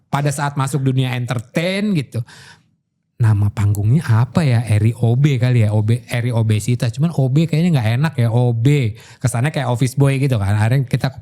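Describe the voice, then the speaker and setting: Man, mid-pitch, laid-back interview guest storyteller. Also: brisk. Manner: relaxed storyteller, laughs easily. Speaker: guest actor. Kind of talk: casual interview chat.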